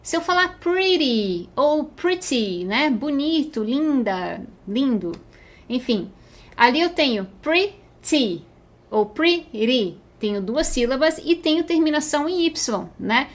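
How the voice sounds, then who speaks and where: A Brazilian woman with a high voice teaches a beginner English lesson, and Portuguese is her first language. She explains each grammar rule patiently. She slows right down to draw out each English example word. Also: lively intonation.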